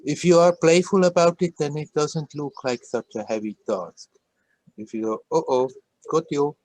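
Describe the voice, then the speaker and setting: Man, spiritual teacher, video call, gentle and laughing, dry sound. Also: on the high side, expressive, moderate pace, no room sound, poor audio. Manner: gentle, laughs often, repeats words playfully. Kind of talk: satsang talk on a video call.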